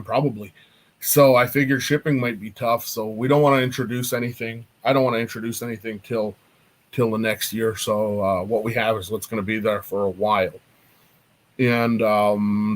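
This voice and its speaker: A man, an artist and apparel designer, chatting casually as a guest on a video call and laughing as he explains things. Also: mid-range voice. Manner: easygoing, laughs while explaining.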